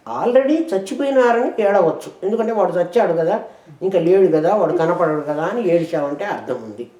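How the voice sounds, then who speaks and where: A woman teaching scripture, explaining verses with rhetorical questions and chanting them slowly. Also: fairly low pitch, expressive, mellow, reverberant, muffled recording. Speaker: spiritual teacher. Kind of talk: scripture lesson.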